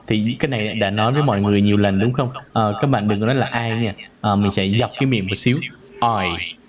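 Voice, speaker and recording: A man's voice: on the low side, a crowd in the background. Man drilling pronunciation. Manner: drills words slowly and repeats them many times. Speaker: English pronunciation teacher. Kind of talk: live online pronunciation lesson.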